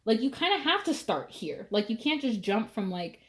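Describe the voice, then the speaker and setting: A woman's voice: a little high, sing-song, normal speed. Chatty young woman reading tarot. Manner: chatty, lots of fillers, laughs often. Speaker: tarot reader.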